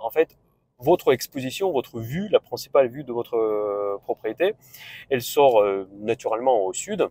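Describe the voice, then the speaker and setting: A man's voice: medium pitch, warm tone, no echo. A man from Russia with a Russian accent, a vlogger chatting casually and rambling on a road trip, full of hesitations and restarts. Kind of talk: casual travel vlog talk.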